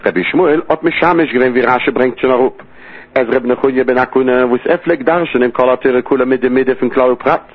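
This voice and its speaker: Heard over tinny phone-line audio, a man leads a Talmud study lesson in a husky, mid-range voice at a quick pace. His phrasing lifts and dips in the sing-song rhythm of study.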